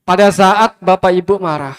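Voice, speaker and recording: The voice is high-pitched and clean, moving at a moderate pace, as a Buddhist monk preaches to listeners he addresses head-on. He stresses his points by repeating phrases, and the big, fan-filled hall gives a long reverb.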